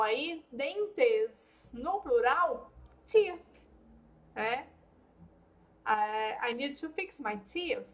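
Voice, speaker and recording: A woman teaching an online English lesson, patiently repeating words and checking in with her students. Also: high voice.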